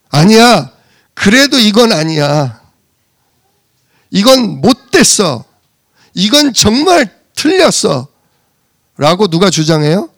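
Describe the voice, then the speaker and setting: A man's voice: high voice, no echo, clean studio sound. A man preaching a sermon, asking rhetorical questions and answering them himself, with emphatic bursts. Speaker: pastor.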